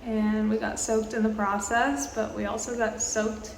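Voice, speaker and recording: A woman in her twenties talking casually for a vlog, with many pauses and fillers, recorded in a public bathroom. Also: a little high. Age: 20s. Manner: halting, filler-heavy, slow and even. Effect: roomy bathroom echo. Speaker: vlogger. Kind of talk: casual travel vlog chat. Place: small tiled public bathroom, indoors. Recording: echoey bathroom with faint background noise.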